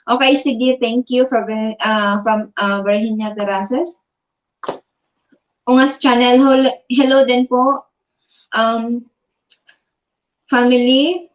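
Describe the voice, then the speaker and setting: A woman's voice: a little high, fairly even intonation, slow pace, pauses often, muffled recording. A Filipino woman doing a casual livestream from her bed on her phone, reading out viewer comments, mixing Tagalog and English and laughing often. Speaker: livestream vlogger. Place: in bed at home.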